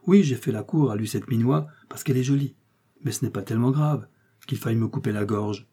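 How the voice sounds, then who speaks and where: A man's voice: medium pitch, brisk, mellow, husky, lightly acted. A man voicing a flustered, naive businessman. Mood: panicked. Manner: pleading, anxious and protesting. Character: naive, flustered middle-aged male sugar maker. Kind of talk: audiobook character reading.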